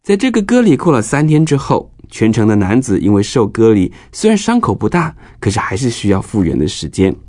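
A man's voice: on the low side, wildly swooping pitch, a little fast, hardly any pauses, a little mellow, dry recording, studio quality. A man narrating a scripted Bible story for children, explaining things as if to young listeners.

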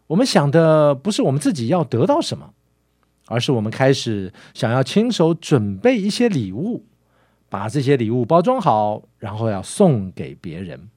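Lively male preacher, dry close sound. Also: medium pitch, no echo. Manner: lively storytelling with filler particles. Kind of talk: sermon.

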